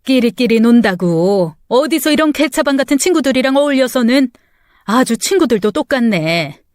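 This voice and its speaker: A woman's voice: sits high, lively intonation, normal speed, darkish tone, no room sound, studio quality. A woman voicing a furious elderly mother-in-law who curses and scolds her son-in-law in a dramatized story. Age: older. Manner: scolding, cursing. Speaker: story character voice.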